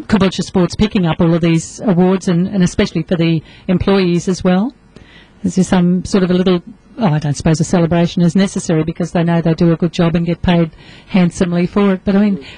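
A woman's voice: fairly low pitch, dark tone, dry recording, low-quality recording. A woman hosting a casual radio interview, chatty and laughing often. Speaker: radio host. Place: radio studio. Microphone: studio microphone.

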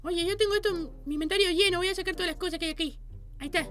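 A performer voicing an excitable baby boy gamer playing Minecraft, in a squeaky sped-up voice. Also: racing. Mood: bossy. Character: chirpy baby boy gamer, bossy and jumpy. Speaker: channel host. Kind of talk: Minecraft let's play.

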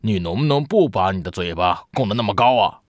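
A man's voice: medium pitch, big pitch swings, moderate pace, dry recording, studio quality. A man voicing a boastful, impatient young anteater big brother in a children's storybook reading, scolding and bossy. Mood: irritated.

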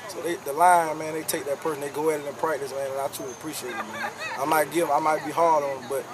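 A man's voice: a little high, steady tone, quick pace. A young man, a youth football coach giving a postgame interview outdoors at night, repeating words and adding "man" often. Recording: distant mic with crowd behind.

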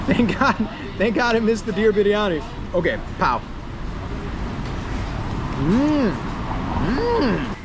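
An American man with a fairly high voice talks to his own camera at arm's length, eating and reacting with loud, joking excitement. Outdoors at night, heavy street and traffic noise sits behind him. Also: slow pace, pauses often. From United States. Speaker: food vlogger host. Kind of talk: casual vlog narration. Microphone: action camera held at arm's length.

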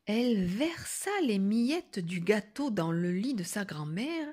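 A woman teacher reading a storybook aloud, slow and expressive, sometimes hushed. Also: mid-range voice.

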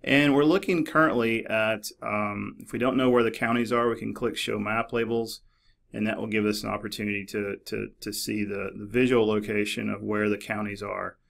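A middle-aged man narrating a screen-recorded tutorial in a relaxed, explanatory way, with many fillers and restarts. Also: fairly low pitch, moderate pace, creaky. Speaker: librarian demonstrating a database. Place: office.

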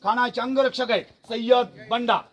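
A man's voice: very high voice, steady tone, normal speed. A man guiding a school group around a hill fort outdoors, telling history dramatically, repeating words for effect and asking the crowd questions. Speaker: fort tour guide.

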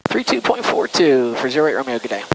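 A man's voice: mid-range voice, very animated, fast talker, vocal fry, background noise. A man piloting a small plane, making radio calls and remarks over a pilot headset. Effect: pilot headset intercom. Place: small plane cockpit in flight. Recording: aircraft drone behind headset audio.

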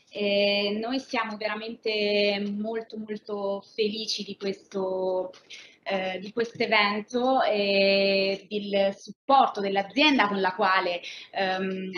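A woman's voice: medium pitch, fairly bright tone, a little hiss or hum. A young woman in marketing presenting a company to an audience, speaking hesitantly with many fillers. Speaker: marketing manager. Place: large indoor hall. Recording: echoey hall, dull lo-fi sound.

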